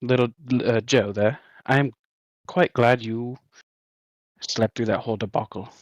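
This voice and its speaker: A man's voice: mid-range voice, steady tone, measured pace, dry recording, lo-fi sound. A man playing a tabletop game, speaking in character in a playful, boastful way. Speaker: player. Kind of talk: in-character tabletop role-play.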